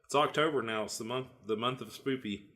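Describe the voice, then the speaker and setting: A man's voice: medium pitch, fairly quick, bright, forceful tone. A man hosting a podcast in a casual, jokey way, laughing often. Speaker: podcast host.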